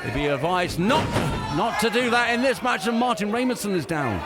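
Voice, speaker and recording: A man giving excited live play-by-play wrestling commentary, exclaiming and repeating phrases with urgency. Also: sits high, brisk. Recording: live event, very loud crowd and music. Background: loud crowd and music.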